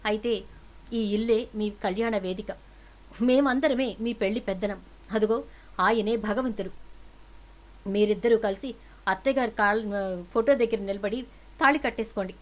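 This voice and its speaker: A woman's voice: on the high side, moderate pace, long pauses, natural voice. Woman voicing a decisive commanding matron. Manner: commanding, reassuring.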